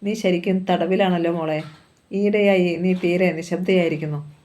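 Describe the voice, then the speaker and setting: A man's voice: sits high, steady tone, normal speed, a little mellow, lightly acted. A woman reading as a worried aging father.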